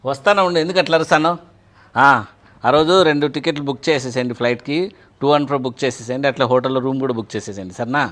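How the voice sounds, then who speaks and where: A man's voice: medium pitch, very fast, fairly bright tone. A man acting as a brash, defiant husband in a comic sketch. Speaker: husband in a comedy skit.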